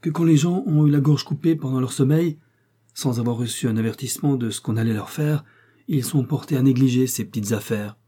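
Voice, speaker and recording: A man reading an audiobook aloud and voicing a timid, flustered old innkeeper who stammers and frets, in a husky, dark voice, higher than his own. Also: brisk, close to an everyday voice. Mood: stammering. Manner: stammering, fretful and pleading.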